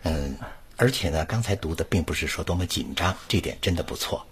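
A man's voice: lively intonation, fairly quick, slightly rough. A man teaching recitation over an online voice chat, reading lines aloud as examples and explaining where the stresses fall. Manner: demonstrates lines with wide pitch swings.

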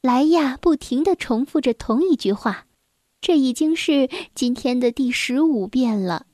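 A woman reading a children's storybook aloud in a gentle, unhurried storytelling manner. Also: sits high, expressive, dry recording, clean studio sound.

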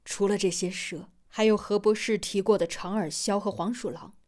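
A woman's voice: mid-range voice, fairly even intonation, darkish tone, lightly acted. A woman voicing a keen male snake professor. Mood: excited explaining. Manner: brisk, explaining like a teacher. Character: excited middle-aged male snake professor.

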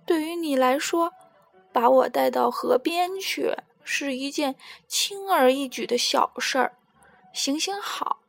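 A woman's voice: high voice, gravelly, full character voice. A woman voicing a sly old male crocodile in a storybook, pleading with false kindness. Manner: wheedling, falsely kind. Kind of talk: storybook character voice.

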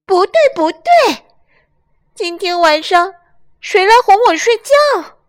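A woman doing Lenny, a shrill whiny little lamb. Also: very animated, slow, full character voice. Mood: wailing. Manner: shrill, wailing, complaining. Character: small whiny boy lamb wanting sleep.

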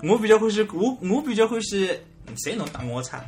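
Podcast host, Shanghainese man, high-ish voice, fast and lively, joking. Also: over music. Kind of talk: casual chat.

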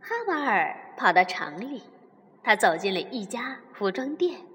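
A woman hosting a bedtime story show and reading a children's story aloud, warm and expressive. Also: mid-range voice, measured pace, slight background noise. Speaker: storyteller host. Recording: long reverb.

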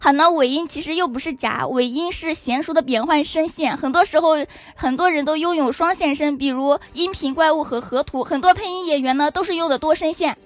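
A woman's voice: high-pitched, a little fast, hardly any pauses, soft background music. A woman debating over voice chat, laying out points in an explanatory, lecture-like manner. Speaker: debater, affirmative side. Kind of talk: online voice-room debate.

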